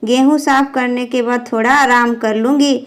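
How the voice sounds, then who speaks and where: Young mother , woman's own voice: firm, chiding, caring, high-ish. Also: fairly even intonation, moderate pace, natural voice. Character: young mother, busy and mildly scolding.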